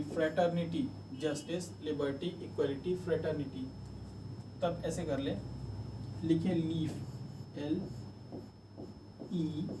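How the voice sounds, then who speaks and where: A male coaching teacher talks students through exam mnemonics, circling back and repeating each list many times. His voice sits a little high. The mic is some way off, leaving a roomy echo and a faint hum of ambience. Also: far from the mic. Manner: chatty, repetitive drilling of mnemonics.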